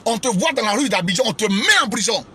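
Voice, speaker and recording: Fiery preacher, high bright voice. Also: male voice, expressive, quick pace, slightly rough. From Côte d'Ivoire. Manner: fiery, scolding, hammers repeated phrases. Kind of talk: impassioned social media address.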